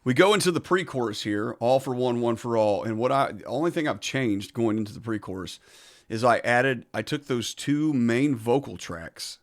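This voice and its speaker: A man casually walking through how he recorded his own song, talking in a relaxed, conversational way. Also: mid-range voice, moderate pace. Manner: laid-back and conversational, says "man" and "so". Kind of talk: casual studio walkthrough.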